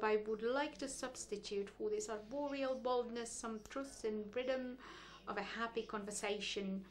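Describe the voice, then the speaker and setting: A woman reading translated poetry aloud at a measured, deliberate pace, with a brief explanatory aside. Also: on the high side. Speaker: poetry reader.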